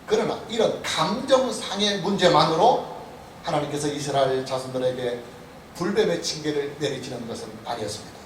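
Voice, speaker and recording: Animated male pastor preaching in an echoey hall. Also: fairly high pitch. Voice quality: animated preaching with sharp rises and drops in emphasis. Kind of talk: expository sermon. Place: church sanctuary. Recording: echoey church hall, speaker far from the mic, light background noise.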